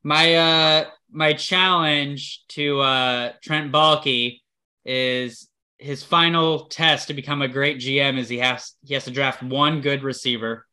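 Upbeat male podcast co-host, sharp voice, jokey and animated. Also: medium pitch, slow pace. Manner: excitable, laughing, joking. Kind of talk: casual chat.

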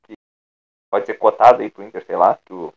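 A man giving his opinions in a casual football debate, halting and restarting often. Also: fairly low pitch, creaky, phone-quality sound. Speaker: football pundit.

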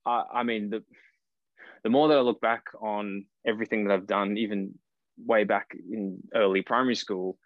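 Australian man, early thirties, guest actor: low voice, loose and rambling, dry lo-fi call sound. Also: fairly even intonation, normal speed, no echo. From Cairns, far north Queensland, Australia. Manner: rambling, self-correcting, laughs at himself. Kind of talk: casual podcast interview. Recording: dry, dull lo-fi call audio.

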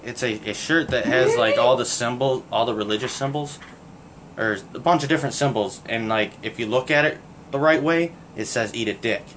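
A man co-hosting a podcast, telling crude jokes deadpan and then explaining the punchlines. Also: mid-range voice, fairly quick, background noise. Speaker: podcast co-host. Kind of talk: casual crude banter.

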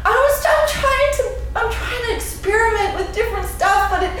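A woman's voice: very high voice, moderate pace, a bit bright. A woman playing a giggly, apologetic homeowner in her forties in an improvised comedy scene, recorded in an echoey room from a distance. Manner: giggly, self-deprecating, apologetic. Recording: echoey room from far off, faint noise.

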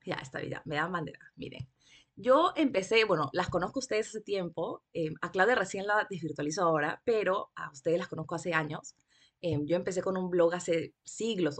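A woman's voice: mid-range voice, fairly bright tone. A young woman, a podcast guest chatting casually and telling stories with lots of laughter. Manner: chatty storyteller, laughs often, acts out quotes. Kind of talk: casual chat.

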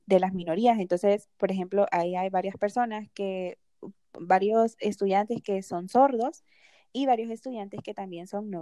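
Young woman podcast host, mellow voice, animated storytelling, keeps laughing, dry sound. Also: mid-range voice, no echo. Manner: animated, laughs often while telling the story. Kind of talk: casual storytelling.

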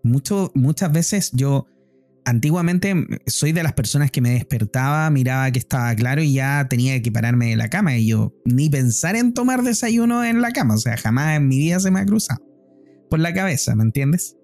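A man with a Chilean accent sharing personal reflections in a podcast chat, speaking thoughtfully with frequent pauses. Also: medium pitch, a little mellow, soft background music. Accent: Chilean Spanish. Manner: thoughtful, personal, many "eh" fillers. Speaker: co-host.

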